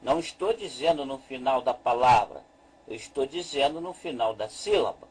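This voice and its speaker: A man teaching a slow, deliberate lesson as a Hebrew teacher, repeating each point and walking through a chart on screen. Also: medium pitch, lively intonation, slightly rough, low-quality recording.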